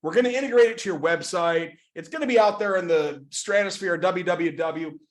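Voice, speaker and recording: A man's voice: sits high, brisk. A man talking earnestly as a podcast guest, telling personal stories in a casual conversation. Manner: earnest, animated storytelling. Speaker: podcast guest, business founder. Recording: echoey room.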